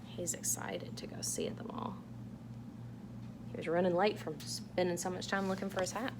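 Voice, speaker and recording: Reading a picture book to kids, this woman speaks at an ordinary speed in a lowish, steady tone. She keeps them involved with offhand remarks and questions. The recording has clearly audible background noise.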